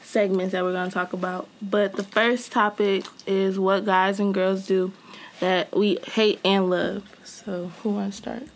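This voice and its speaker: A woman hosting a casual podcast, opening the show and leading a relaxed group chat. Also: mid-range voice, unhurried, a little hiss or hum. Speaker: podcast host.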